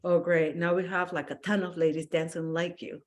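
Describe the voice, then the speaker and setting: Animated woman telling a story. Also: on the low side, normal speed. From Peru. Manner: animated storyteller, acts out quotes, laughs often. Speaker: guest, wellness business owner. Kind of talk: casual interview chat.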